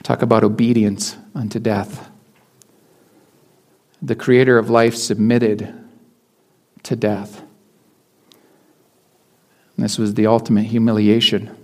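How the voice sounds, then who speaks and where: A man's voice: fairly low pitch, little pitch movement, slow pace, long pauses, darkish tone. A man preaching a sermon as a pastor, in a conversational way with frequent restarts and repeated words.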